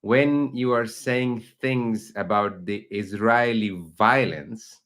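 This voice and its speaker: A man's voice: fairly low pitch, slow, fairly bright tone. A middle-aged man from Bangladesh, a teacher and researcher, interviewing a guest online with long, earnest questions. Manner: earnest, builds up long questions, rising emphasis.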